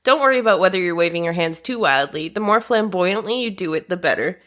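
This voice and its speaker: A woman's voice: lowish voice, expressive, fast, a bit bright. Wry, self-deprecating woman podcaster. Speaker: podcast co-host. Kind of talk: casual comedic chat, reading an article aloud.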